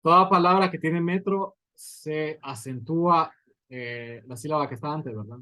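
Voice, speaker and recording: Man, physics teacher, fairly high voice, patient step-by-step lecture, dry close-miked sound. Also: moderate pace, pushed and bright, no echo, low-quality recording. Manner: patient, explains step by step, checks in with listeners. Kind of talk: recorded lecture at a writing board.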